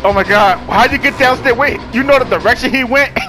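A young man talking excitedly while playing a game, often yelling, swearing a lot, apologizing and laughing in between. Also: extremely high pitch, a little fast, over music, poor audio. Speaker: gamer playing with a friend. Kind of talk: excited gaming commentary.

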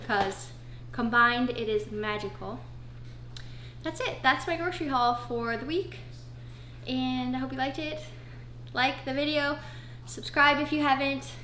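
A woman's voice: high voice, sharp tone, slight background noise. Chatty young woman in a roomy kitchen. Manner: chatty, filler-heavy, listing items one by one. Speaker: vlogger. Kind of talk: casual grocery haul vlog. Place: home kitchen, indoors.

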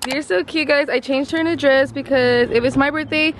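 A woman of twenty-two, talking to her camera in a casual vlog, excitable and gushing, full of slang. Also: sits high, brisk, over loud music, poor audio. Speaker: vlogger.

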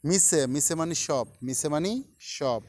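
A man teaching Japanese kanji in a lesson, repeating each word and its meaning slowly for learners. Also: fairly high pitch, a little mellow. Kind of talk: kanji lesson explained in Bengali.

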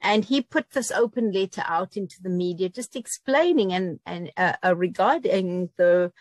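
A woman's voice: medium pitch, normal speed, darkish tone, no room sound, poor audio. Earnest woman on a dry video call. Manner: earnest, with frequent ums. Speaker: whistle-blower panelist. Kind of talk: conversational panel talk on a video call.

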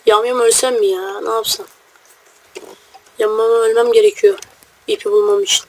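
A young man giving casual, joking let's-play commentary, brash and quick to swear at enemies while talking to his viewers. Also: sits high, level tone, slight background noise. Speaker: gamer.

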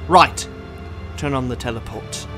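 A man's voice: mid-range voice, unhurried, sharp tone. A man playing a heroic, eccentric time-travelling adventurer in an audio drama, with a theatrical delivery. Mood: tender, resolute. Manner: theatrical, declamatory. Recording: music bed under the voice.

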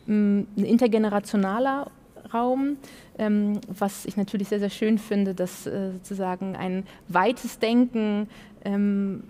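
A woman's voice: mid-range voice, fairly even intonation, measured pace, warm tone. A young woman moderating a panel on a theatre stage, earnest and hesitant with many fillers.

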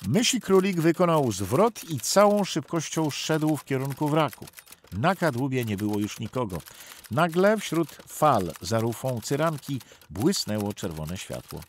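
A man's voice: medium pitch, very animated, unhurried, a little hiss or hum. A man giving tense, vivid documentary narration of a sea rescue. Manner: tense, vivid storytelling that acts out the shouted orders.

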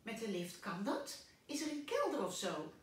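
A fussy, kindly little old man, fretting and emphatic with a lively swing in the voice, as a woman reads him aloud. The recording is echoey and slightly distant. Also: fairly high pitch, normal speed, slight background noise, pitched above the performer's own voice. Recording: echoey room, distant mic.

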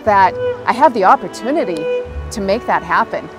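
Outdoors by a river, a middle-aged fly fishing guide with a Montana American accent gives an earnest, enthusiastic interview set to a music bed; she comes from Montana, USA. Her medium-pitched voice is animated and moves at normal speed, on a rough recording.

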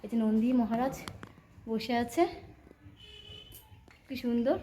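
Vlogging on a handheld phone, a woman chats warmly and slowly to her viewers in a slightly high, steady voice. She rambles and repeats herself in this casual daily update, with a bit of hiss or hum audible.

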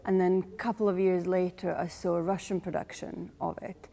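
A woman's voice: lowish voice, flat delivery, fairly quick, gravelly, warm tone, slight background noise. A woman in her forties with a Croatian accent, a playwright and director explaining her work thoughtfully in an interview in a large rehearsal hall. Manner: thoughtful, searching for words. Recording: long hall reverb.

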